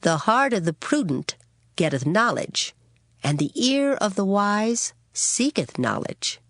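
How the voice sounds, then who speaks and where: A woman reading scripture aloud in a measured, solemn recitation. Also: medium pitch, sing-song, a bit bright, no echo, clean studio sound. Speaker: scripture reader. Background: background music.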